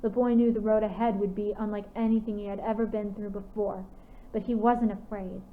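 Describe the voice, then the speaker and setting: A woman reading fan fiction aloud in a steady storytelling voice, sometimes restarting a phrase. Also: medium pitch, fairly quick, a little hiss or hum. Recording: tinny phone-like audio.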